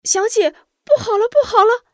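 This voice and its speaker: Brief: timid young maid, put on by a female storyteller, high and flustered, stumbling over her words. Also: lively intonation, no room sound, studio quality. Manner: stammering, hurried. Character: anxious young maidservant girl, timid and flustered.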